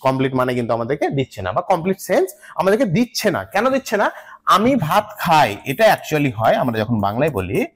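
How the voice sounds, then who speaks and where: Lively high-voiced Bengali teacher. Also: male voice, brisk, breathy edge. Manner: explains patiently, repeats key terms, asks rhetorical questions. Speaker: English teacher. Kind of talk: exam-prep lecture.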